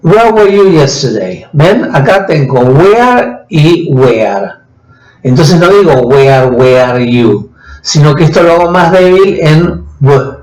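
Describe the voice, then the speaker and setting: Male language teacher, native Spanish speaker, unhurried and patient, in an echoey room. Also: a little high, lively intonation, darkish tone. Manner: slow, patient explaining, switching between two languages. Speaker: English teacher. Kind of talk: spoken grammar lesson.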